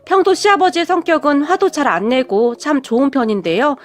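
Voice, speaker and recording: A woman's voice: high-pitched, brisk. A woman narrating her own family story in a polite, scripted radio-story style.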